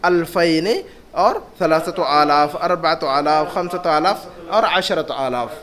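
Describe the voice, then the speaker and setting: A man teaching an Arabic grammar lesson, patiently repeating each phrase slowly and asking his students questions. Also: a little high, lively intonation, a crowd in the background.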